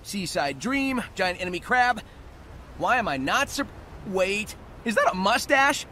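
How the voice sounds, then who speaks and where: A man's voice: high voice, very animated, unhurried, very noisy. A man voicing a cocky, easygoing young hedgehog hero in a video game, breezy and confident with an American accent. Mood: wry. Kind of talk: video game cutscene acting.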